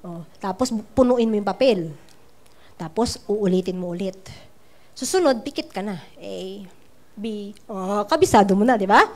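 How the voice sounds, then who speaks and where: A woman's voice: mid-range voice, measured pace. A woman business trainer giving a casual training talk, chatty and playful with teasing asides.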